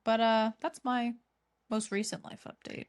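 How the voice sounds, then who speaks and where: A woman's voice: fairly high pitch, level tone, unhurried, smooth. A young woman hosting a podcast, chatting casually and rambling, with restarts and frequent laughter. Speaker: podcast host. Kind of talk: casual chat.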